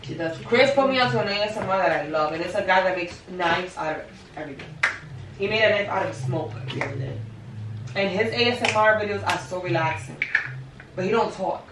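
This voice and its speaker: A woman's voice: fairly low pitch, a little fast. A young woman co-hosting an eating vlog, chatting casually, opinionated and swearing freely. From Rhode Island. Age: young adult. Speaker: mukbang co-host. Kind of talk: casual group chat while eating. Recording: roomy, mic at a distance, faint background hum.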